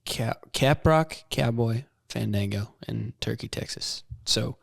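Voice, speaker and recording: A man hosting a casual podcast interview in a saddle shop, easygoing and quick to laugh. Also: mid-range voice, creaky, no echo, studio quality. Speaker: podcast host.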